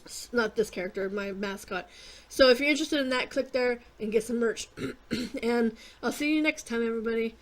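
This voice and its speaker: A woman casually narrating her gameplay, rambling with lots of fillers and casual swearing, clearing her throat and coughing often. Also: on the high side, moderate pace. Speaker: gaming YouTuber.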